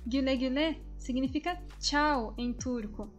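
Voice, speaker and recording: A woman teaching a language lesson, explaining steadily and then sounding out words slowly, syllable by syllable. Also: sits high, muffled recording, faint music behind.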